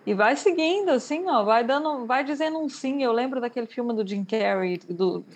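A woman with a Minas Gerais accent in casual podcast chat, telling stories in a lively, animated way. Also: a little high, moderate pace, slightly rough.

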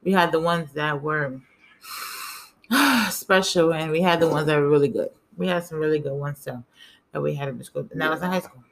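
A middle-aged woman from the Bronx with a New York and Spanish-tinged accent, co-hosting a casual chat and telling stories in an animated way. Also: deep voice, normal speed. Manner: animated storytelling with lively asides. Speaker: podcast co-host.

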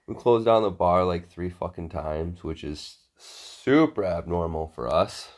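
This podcast co-host is a man with a deep, animated, slightly slow voice that sounds congested and sore-throated. His unscripted chat is blunt and full of swearing.

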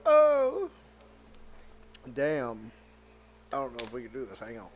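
A man hosting a casual podcast, excitable and swearing freely, teary from eating very spicy jerky. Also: mid-range voice, brisk, husky. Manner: excitable, swears a lot, yelps. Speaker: podcast host.

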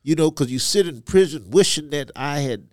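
Higher-voiced man, halting delivery. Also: expressive, a little mellow, no echo, clean studio sound. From Ivory Coast, West Africa. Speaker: podcast guest. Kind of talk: personal testimony in a conversational interview.

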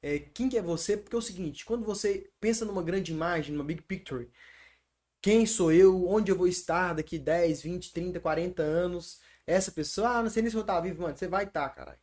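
A man's voice: sits high, brisk, darkish tone. A man co-hosting a casual podcast, talking in slangy, emphatic bursts. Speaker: podcast co-host.

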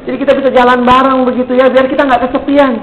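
A man's voice: extremely high pitch, flat delivery, fast, fairly bright tone, highs cut off, pitched above the performer's own voice. A man playing a cheeky teenage boy in an echoey hall. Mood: pleading. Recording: echoey hall, faint background hum.

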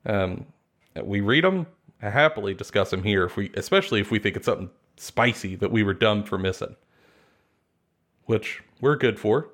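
A man co-hosting a casual podcast, talking in a relaxed, rambling and jokey way. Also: on the low side, moderate pace. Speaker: podcast co-host.

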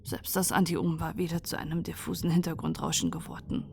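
A woman narrating a sci-fi horror audiobook in a calm, soft, measured way for falling asleep. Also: deep voice, creaky, slightly rough.

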